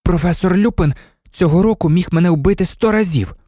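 A man's voice: high voice, brisk, dark tone, dry recording, studio quality, voice pushed up, close to an everyday voice. A man reading aloud, voicing a brave teenage schoolboy who argues urgently.

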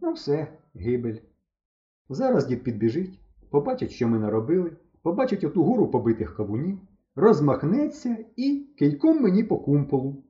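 A man reading a humorous story aloud in the first person, with lively, mock-dramatic narration. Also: a little high, normal speed. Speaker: audiobook narrator. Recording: dull lo-fi recording.

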